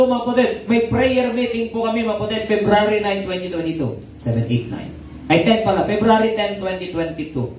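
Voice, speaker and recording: A male pastor with a Filipino accent preaches to his congregation, often calling out for an "Amen" and swinging between shouting and quiet, earnest speech. His voice sits high. The sound bounces around a very reverberant hall, picked up from some distance with faint background noise. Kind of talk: sermon. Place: church hall.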